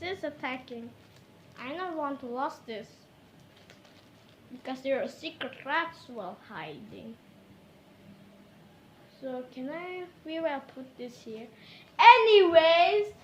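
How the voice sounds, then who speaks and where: A woman vlogger chats playfully with her viewers in a silly video, giggling and talking to herself along the way. Her voice is high-pitched, and the room is echoey.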